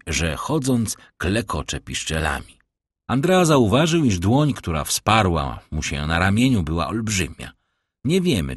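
A man reads a classic novel aloud in a very low, husky voice, letting his pitch rise and fall widely for drama. The recording is close and dry, with no room sound. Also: no echo. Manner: expressive storytelling with wide swings in pitch. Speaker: audiobook narrator. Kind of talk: scripted narration of a classic novel.

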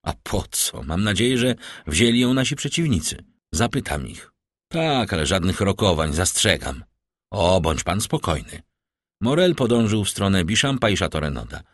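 A man narrating a classic novel as an audiobook, lifting his pitch for the characters' lines. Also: big pitch swings, normal speed, a bit bright, no room sound, clean studio sound.

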